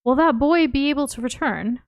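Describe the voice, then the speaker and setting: A woman's voice: high-pitched, a little fast, no echo, clean studio sound, voice pushed up. A woman voicing a haughty, grand queen's court from a video game, reading the dialogue aloud in character. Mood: imperious.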